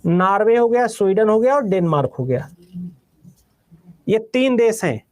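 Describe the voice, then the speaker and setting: Man, high voice, Bihari Hindi accent, geography teacher, classroom, repeats slowly for dictation. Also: very animated, no room sound. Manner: repeats items slowly for dictation, calls students "beta".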